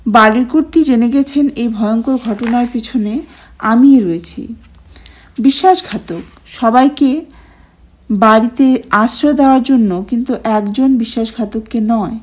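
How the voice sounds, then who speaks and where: A woman with a fairly high voice reads a story aloud. Her narration is expressive and keeps a storyteller's pace. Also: measured pace.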